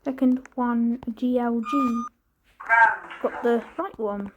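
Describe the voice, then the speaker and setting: A woman's voice: a little high, takes it slowly, muffled recording, background noise. A woman giving a casual running commentary in clipped, fragmentary remarks as a tour presenter.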